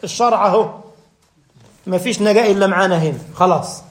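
A man preaching a sermon in an Egyptian Arabic accent, fervent and swinging between hushed and emphatic delivery. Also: sits high, quick pace, roomy sound.

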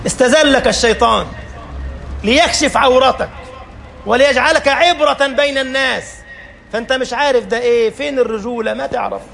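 High-pitched, gravelly Egyptian preacher. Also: male voice, fairly quick, fairly bright tone, a little hiss or hum. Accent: Egyptian Arabic. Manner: emphatic, with frequent rhetorical questions. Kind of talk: colloquial sermon.

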